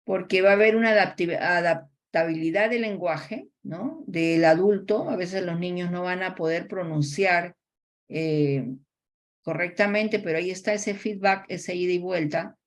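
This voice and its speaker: Low-voiced Peruvian woman lecturing. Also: normal speed. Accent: Peruvian Spanish. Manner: explanatory, tags sentences with a questioning "no?"; frequent hesitation fillers. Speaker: college lecturer. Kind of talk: lecture on child language development.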